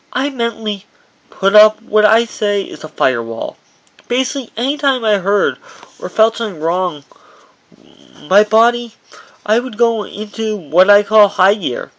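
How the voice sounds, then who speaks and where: A man narrates his own first-person memoir as an audiobook, stumbling over words in a halting delivery. His voice sits high and a bit bright, and the recording quality is low.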